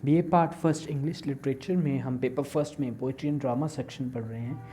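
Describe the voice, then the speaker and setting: Woman, recorded college lesson, low and mellow, unhurried teaching delivery. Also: steady tone, soft background music. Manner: explains slowly, reads English examples aloud and then explains them in Hindi; uses frequent fillers. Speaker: college lecturer. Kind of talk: recorded lecture explaining poetry in Hindi and English.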